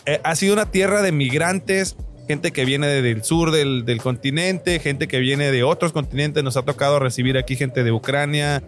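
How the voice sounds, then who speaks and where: A man's voice: on the high side, moderate pace, soft background music. A man with a northern Mexican accent hosting a casual street interview in slangy talk. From Tijuana, Mexico. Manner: slangy, heavy use of filler address words. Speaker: show host.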